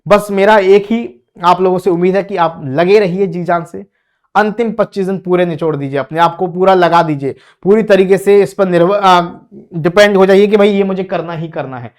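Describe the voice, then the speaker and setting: High-voiced coaxing exam teacher. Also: male voice, normal speed. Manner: repetitive, coaxing, calls listeners beta. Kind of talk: motivational exam-prep lesson.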